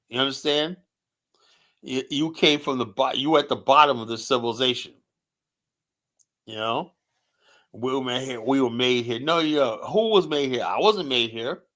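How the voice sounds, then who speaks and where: A man giving heated political commentary as a streamer host, blunt and repetitive, filling pauses with "you know" and mocking others by quoting them in put-on voices. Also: medium pitch, a bit bright.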